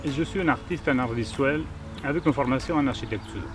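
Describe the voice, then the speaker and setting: A man's voice: mid-range voice, fast talker. A man from Argentina, speaking as a visual artist in a documentary interview. He talks hesitantly, with many fillers and restarts. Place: outdoor garden. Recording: voice picked up from a distance, faint music.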